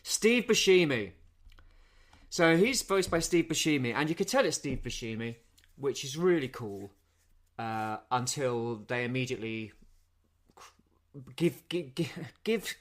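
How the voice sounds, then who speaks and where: A man's voice: mid-range voice, expressive, unhurried, fairly bright tone. A man chatting casually as a podcast co-host, rambling through a film's plot with frequent restarts. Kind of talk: casual film review chat.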